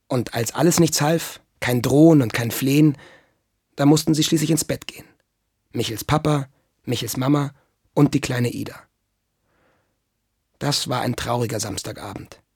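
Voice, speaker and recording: A man reading a children's story aloud with lively, expressive narration. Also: mid-range voice, slightly rough, no room sound, clean studio sound.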